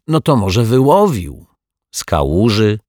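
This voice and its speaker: A man's voice: deep voice, slow pace, no room sound, clean studio sound, exaggerated voice. A man voicing a naive, curious male building caretaker in a children's audiobook, asking eager guesses. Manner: eager guessing questions, rising excited.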